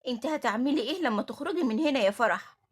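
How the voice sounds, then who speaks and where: Woman voicing an older orphanage matron, Egyptian accent, firm and quick, husky. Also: high-pitched, expressive. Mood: tender. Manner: firm, scolding. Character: stern, motherly older woman who runs an orphanage.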